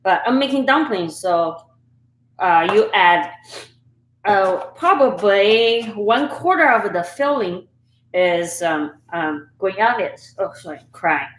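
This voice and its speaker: Lively intonation and a mid-range voice mark this slow-talking host of a live-stream cooking show, a woman from Sichuan, China, whose first language is Chinese. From her home kitchen she chats with viewers while chopping and laughs often. The rough recording, made on a camera and phone setup, has a roomy sound with slight background noise.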